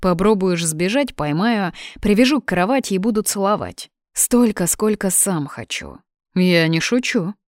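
Audiobook figure: woman doing a brash young man who teases and bosses, lowish voice, dry close sound. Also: expressive, slow, no room sound. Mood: teasing. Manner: teasing, bossy. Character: cocky teasing young male student.

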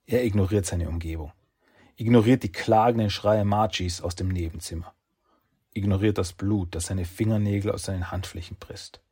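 A man narrating a dramatic scripted story with a smooth, measured, read-out delivery. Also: fairly low pitch, a little mellow.

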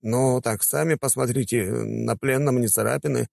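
A man's voice: mid-range voice, fairly even intonation, normal speed, gravelly, darkish tone, no room sound, pitched above the performer's own voice. A man reading an audiobook, voicing a puzzled, hesitant male guard. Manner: hesitant, confused.

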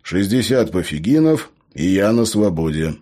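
A man's voice: low voice, lively intonation, normal speed, warm tone. Narrator guy doing tired honest hero, sighs a lot, kinda lifted voice, moves around a lot. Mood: reluctant. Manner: tired, reluctant, sighing. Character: weary honest man, the hero.

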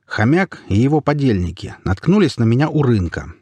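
A man narrating an audiobook in the first person, expressive in his storytelling. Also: mid-range voice, brisk, breathy edge, no echo.

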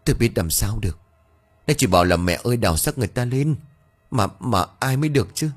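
A man's voice: medium pitch, lively intonation, fast talker, husky, faint music behind. A man voicing an anxious, tearful old village wife who pleads fretfully.

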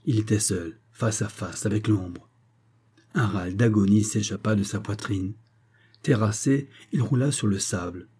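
A man narrates an audiobook in a measured, dramatic manner. His voice sits low, with a dark, mellow tone and a husky grain. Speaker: audiobook reader.

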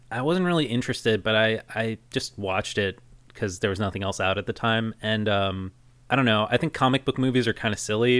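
A man's voice: lowish voice, fairly bright tone, clear, resonant tone, no echo. A man co-hosting a casual movie-review podcast, opinionated with dry sarcastic asides. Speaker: podcast co-host.

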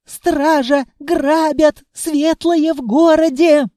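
A man voicing a panicky male shopkeeper with a shrill, squealing voice. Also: fairly even intonation, takes it slowly, dark tone, no echo, clean studio sound. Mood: panicked shrieking. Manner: screaming for help in panic.

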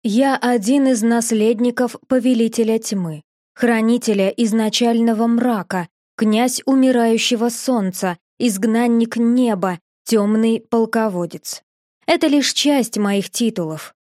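A gentle, remorseful young man speaks low and tenderly, as a woman reader voices him. The tone is mellow and dark, and the recording is close and dry, with no room around it. He sounds protective and quiet rather than forceful. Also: unhurried, no room sound, lightly acted. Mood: grave.

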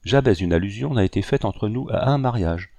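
A man reading an audiobook, voicing a young gentleman who speaks with polite, cold composure. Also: on the low side, expressive, brisk, dry recording. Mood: cool. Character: young man, cool and formal.

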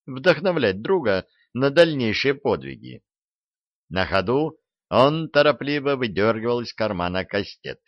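A man reading a fantasy audiobook in a measured, expressive narration, in a dull, dry recording. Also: mid-range voice, dry recording.

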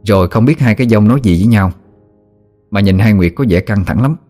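Một người đàn ông miền Nam đọc truyện ma dân gian, giọng trầm vừa, gần gũi. Âm nền là tiếng nhạc khẽ. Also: male voice, lowish voice, a little fast, mellow, soft background music. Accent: Southern Vietnamese. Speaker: storyteller. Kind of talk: audiobook narration.

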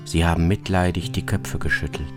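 Over background music, a man with a low voice reads first-person narration for a radio travel piece at normal speed. His intonation stays fairly even, and the scripted lines come in terse, fragmentary phrases.

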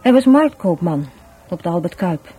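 In a radio drama, an actress with a Dutch accent plays the shy, guarded, educated sister of a dead man, sounding reserved and hesitant, repeating words and dodging questions. Her voice is lowish, dark and husky, with big pitch swings at a moderate pace, and faint music plays behind her.

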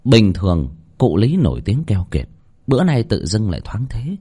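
A man narrating a horror story in an expressive, dramatic way. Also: fairly low pitch, moderate pace, slightly rough.

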